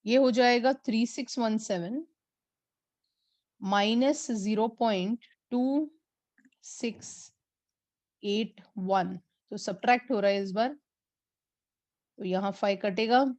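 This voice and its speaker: Slow-talking woman teaching physics. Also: a little high, darkish tone, no room sound. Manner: slow and deliberate, repeats numbers for students; mixes Hindi and English. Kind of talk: online class lecture.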